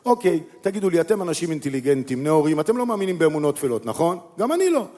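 A middle-aged stand-up comedian with a high voice spins a long comic tale, animatedly acting out the people in it. He jumps between his own voice and quick impressions, his pitch swinging up and down.

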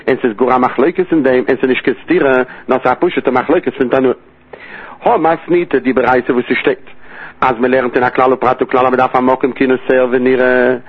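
A man's voice: medium pitch, husky. A man giving a Talmud study lesson, his phrases lifting and falling in a sing-song study cadence. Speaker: Talmud teacher. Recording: tinny phone-line audio.

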